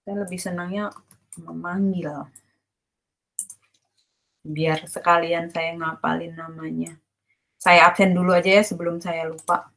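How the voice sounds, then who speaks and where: A woman's voice: on the low side, flat delivery, measured pace, gravelly, long pauses, fairly bright tone. Woman lecturing casually in an online class. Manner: explains casually, checks if students understand; mixes English terms into her speech. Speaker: university lecturer.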